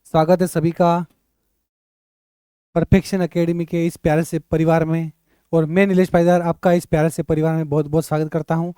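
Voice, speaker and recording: High, clear-voiced male teacher. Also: moderate pace, no echo, studio quality. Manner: energetic, drills sounds aloud, repeats questions to the class. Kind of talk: online exam-prep class.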